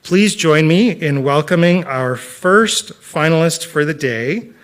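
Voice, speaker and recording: A man's voice: a little high, animated, takes it slowly, a bit bright. A man speaking as the host of a speech competition, giving a formal, scripted introduction.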